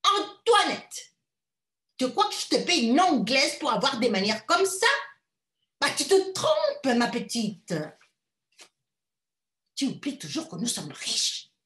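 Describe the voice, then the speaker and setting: A woman voicing a shrill, domineering wealthy mother who scolds loudly in a high voice. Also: sing-song, slow pace, pauses often, echoey room, full character voice. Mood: scolding. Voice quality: loud, high-pitched, scolding.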